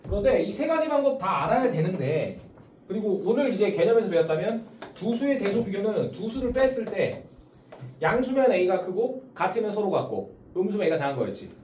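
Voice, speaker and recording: Tutor teaching a small group, checks in with each student by name. Lively, up-and-down delivery, heard from across an echoey room. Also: medium pitch, moderate pace, a little hiss or hum. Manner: calls on students by name, explains step by step. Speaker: math tutor. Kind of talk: small-group math lesson. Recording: roomy sound from a distance.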